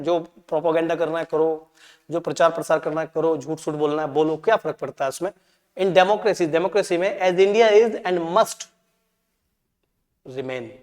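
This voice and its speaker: A man with a high voice and a darkish tone teaches English for exam preparation, going through answers. He explains in Hindi, reads English lines aloud, and often checks in with "ठीक है?". The sound suggests a big room.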